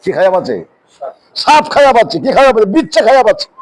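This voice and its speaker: A man preaching a sermon in a mosque. He asks rhetorical questions and answers them himself, and drops his voice low on key words. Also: sing-song, fast talker, slight background noise, rough recording. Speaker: Islamic preacher.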